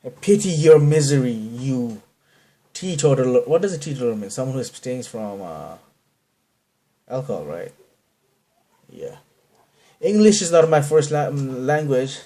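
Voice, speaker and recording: With a Bangladeshi accent and a warm, sing-song mid-range voice, a man from Bangladesh hosts a podcast at normal speed, pausing often. His rambling monologue pokes fun at himself and keeps trailing off and restarting.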